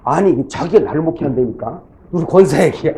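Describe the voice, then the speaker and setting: A middle-aged man delivers a folksy sermon as a pastor, slipping into the voices of his church members as he tells his stories. His voice sits a little high for a man, with a mellow, soft tone. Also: animated, fairly quick, a little hiss or hum, low-quality recording.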